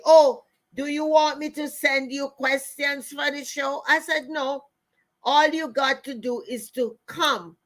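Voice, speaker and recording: Her voice is high-pitched and somewhat bright: a middle-aged Jamaican-accented woman who works as a motivational speaker and show host. Through personal anecdotes she delivers an emphatic talk, repeating phrases and speaking right to her audience.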